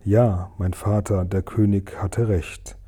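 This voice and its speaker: A man reading a children's storybook aloud in a gentle, measured narrating voice. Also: lowish voice, steady tone, slightly rough. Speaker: audiobook reader.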